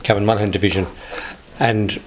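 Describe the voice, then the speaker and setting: A man in his late sixties speaks with a west of Ireland accent in a fairly low voice. He is being interviewed about his past and answers haltingly, repeating words as he searches for the next one. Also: steady tone, slight background noise. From Galway, west of Ireland. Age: 60s. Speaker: interviewee, retired police officer. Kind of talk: recollection in an interview.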